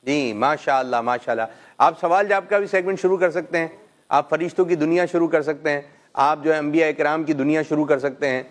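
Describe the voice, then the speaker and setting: A middle-aged man hosting a children's call-in show, gently quizzing kids and praising them often. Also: a little high. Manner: gentle, coaxing questions, frequent "mashallah".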